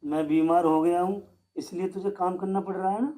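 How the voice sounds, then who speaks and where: Give me a man playing an ailing older village father with a mellow, rustic voice. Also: high-pitched, fairly even intonation, fairly quick, close to an everyday voice. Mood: fatherly. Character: ailing old village headman father, caring. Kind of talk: rural comedy film acting.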